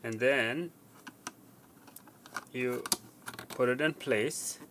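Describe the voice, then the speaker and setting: Against a noisy background, a man with a medium-pitched voice talks very slowly through a casual tech repair tutorial. It's unscripted and conversational, and he repeats words to emphasize them.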